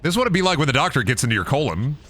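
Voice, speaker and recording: A man riffing through a game stream with crude jokes and sudden outbursts. His pitch bounces around lively, and his voice sounds bright and forward. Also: rapid-fire. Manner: crude, joking, animated. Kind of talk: comedic let's-play commentary.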